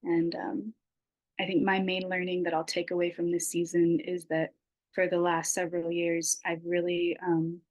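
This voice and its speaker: A woman farmer talks reflectively, pausing often with fillers. Her voice sits a little low and sounds dry and close over a video call. It is a personal share in an online circle. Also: dry recording, rough recording. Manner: reflective, halting, with many fillers.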